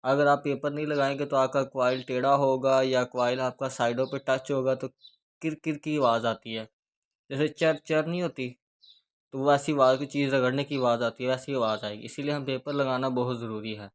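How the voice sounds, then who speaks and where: In this speaker repair tutorial, the Pakistani Urdu-accented man keeps a steady, mid-range delivery, repeating his explanations as he handles each step hands-on.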